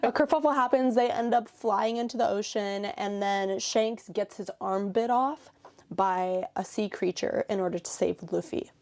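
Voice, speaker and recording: A woman's voice: mid-range voice, steady tone, a little slow, a little mellow. A woman giving a casual, chatty recap in a video, dropping in "okay" and "like" as she goes. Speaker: anime reviewer and vlogger.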